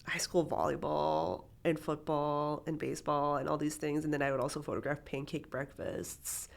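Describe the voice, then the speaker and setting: A woman in her thirties, born in Peru and raised in Miami, speaks in a low voice with vocal fry. She's a documentary photographer chatting casually as an interview guest, with lots of fillers and restarts.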